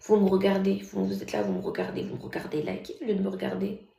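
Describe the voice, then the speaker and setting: A woman's voice: mid-range voice, sing-song, fast talker, gravelly, roomy sound. A woman streaming live, chatting casually with viewers in a mocking, talkative manner. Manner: chatty, mocking, talks loudly by habit. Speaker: livestreamer.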